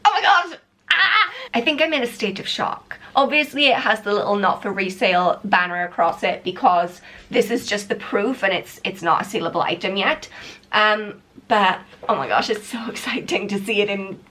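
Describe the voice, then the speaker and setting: A young woman vlogging casually to camera, chatty and excitable, rambling with lots of "like"s and sounding tired. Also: mid-range voice, moderate pace. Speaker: vlogger and author. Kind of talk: casual vlog chat to camera.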